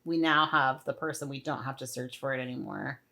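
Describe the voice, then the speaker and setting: A woman's voice: rumbling low, fairly quick, vocal fry. A woman co-hosting a book club podcast, chatting casually and acting out lines from the story. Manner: animated, slangy retelling with quoted asides. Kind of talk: casual chat.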